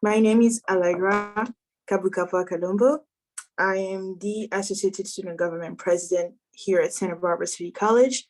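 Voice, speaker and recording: A young woman from the Democratic Republic of Congo opens a student event as its host. She speaks in a steady, mid-range voice with an earnest, welcoming tone and the odd filler, as if speaking on a video call. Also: mid-range voice, moderate pace. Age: young adult. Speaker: student government president hosting a panel. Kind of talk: formal welcome speech.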